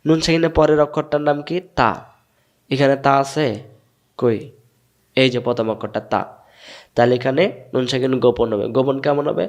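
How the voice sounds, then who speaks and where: A man's voice: mid-range voice, fairly even intonation. A man from Bangladesh with a Bangladeshi Bengali accent, teaching Quran recitation patiently and repeating each sound several times. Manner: repeats sounds slowly, asks and answers his own questions. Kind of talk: patient step-by-step lesson.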